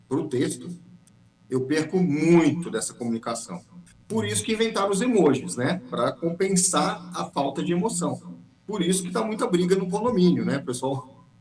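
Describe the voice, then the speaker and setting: Male physician guest on a talk podcast, mid-pitched, explains in a lively way, roomy sound. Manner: explanatory, lively, acts out patient quotes. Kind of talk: podcast discussion.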